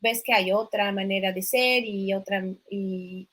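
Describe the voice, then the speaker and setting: A woman interviewing a guest, asking halting questions full of repeated words and adding frequent short agreements. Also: medium pitch, steady tone, fairly bright tone. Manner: hesitant questions with many repetitions, frequent backchannels. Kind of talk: casual interview conversation.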